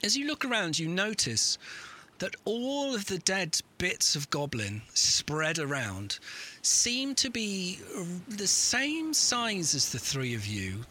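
A man's voice: high-pitched, pushed and bright. A man acting as game master, improvising darkly comic narration for a tabletop role-playing game.

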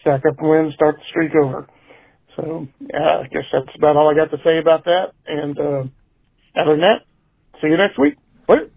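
A man's voice: fairly high pitch, moderate pace, creaky, pauses often, slightly rough, no room sound. Give me a man leaving a tinny voicemail. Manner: blunt, swears casually, shrugging. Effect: voicemail played over a phone line. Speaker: caller. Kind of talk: casual call-in rant. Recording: tinny dry phone-line voicemail.

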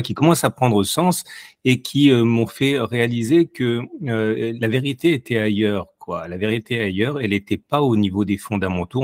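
A deep-voiced man speaks over a low-quality long-distance call. He talks as an interview guest and explains things hesitantly, often going back over his words. The sound is dry, without room echo. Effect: low-quality long-distance call audio. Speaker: podcast guest, technical analyst. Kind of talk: conversational podcast interview.

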